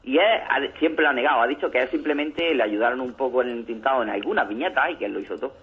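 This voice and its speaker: A man co-hosting a radio show, casually retelling a comic with lively acted-out lines. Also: medium pitch, quick pace, slight background noise. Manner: animated storyteller, acts out comic scenes. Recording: lo-fi phone-like radio sound.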